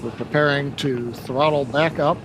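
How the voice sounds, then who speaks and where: A man giving explanatory live launch commentary as a webcast host, in measured phrases. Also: on the high side, steady tone, noisy background.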